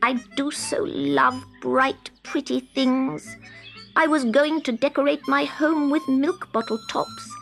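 A woman's voice: high voice, fairly even intonation, slow pace, creaky, a bit bright, soft background music, voice pushed up, heavily acted. A woman voicing a greedy, vain male magpie with a drawling manner in a storybook. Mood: covetous. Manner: drawling, covetous.

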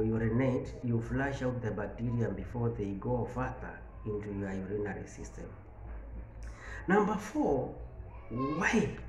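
A man's voice: medium pitch, darkish tone. A man in his forties with a Kenyan English accent, giving a health education talk to camera and stressing numbered points. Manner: slow, deliberate, numbered points with rising emphasis. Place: small indoor room. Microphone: camera in front, seated. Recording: echoey room with faint background noise.

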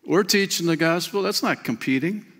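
Emphatic pastor in an echoing hall. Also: male voice, fairly high pitch, moderate pace. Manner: lively, emphatic, calls listeners "man" and "friend". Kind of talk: sermon. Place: church stage behind a clear lectern. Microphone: lectern mic. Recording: long church hall reverb.

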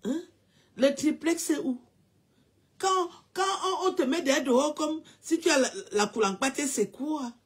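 A woman in a casual mocking rant, mixing teasing questions with drawn-out mock wailing. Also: sits high. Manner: mocking, with drawn-out mock wailing and repeated sing-song cries. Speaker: commentator.

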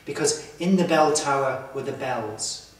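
Slow earnest guy talking to camera in a big stone church, boomy echo, mic far off. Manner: slow, earnest, with emphatic pauses. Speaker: presenter. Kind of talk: reflective documentary talk to camera. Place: inside a large stone church.

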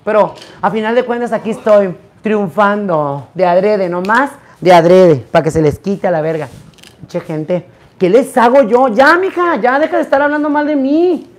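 A hoarse man runs a live stream from an indoor party. His voice sits higher than most men's, and he swears loudly and dramatically at everyone around him. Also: normal speed. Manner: brash, profane, theatrical exclamations. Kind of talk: rowdy live stream banter.

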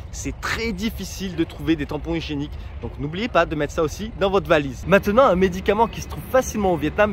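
A man's voice: high voice, slight background noise. A man from France giving travel tips in a casual vlog, chatty and joking, speaking straight to viewers outdoors. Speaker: travel vlogger.

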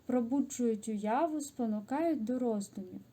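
A woman's voice: a little high, unhurried, mellow. A woman teaching a literature lesson to children, reading a poem aloud and explaining it patiently, with small hesitations and self-corrections.

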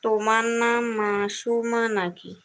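A young woman from Bangladesh hosting a casual live stream, reading viewers' comments aloud and answering them in a soft, quiet voice. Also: fairly high pitch, fairly even intonation, slow, rough recording.

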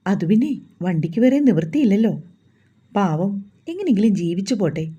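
A shy, flustered young bride-to-be, voiced by a woman storyteller. She scolds in a lively, breathy voice with a dark, mellow tone. The audio is slightly dull and lo-fi. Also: medium pitch, fairly quick. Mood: flustered scolding.

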